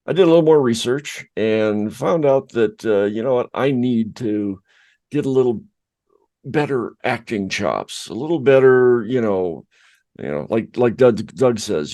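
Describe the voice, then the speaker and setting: Low-voiced man telling a rambling story. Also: animated, measured pace, a little mellow. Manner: rambling, self-deprecating storytelling. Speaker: podcast co-host. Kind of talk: casual podcast chat.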